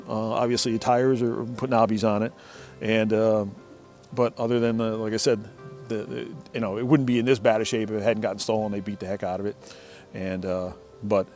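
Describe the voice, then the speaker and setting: A man's voice: on the low side, darkish tone. A middle-aged man telling a casual, rambling story from his shed workshop, often restarting and repeating words. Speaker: motorcycle owner telling a story.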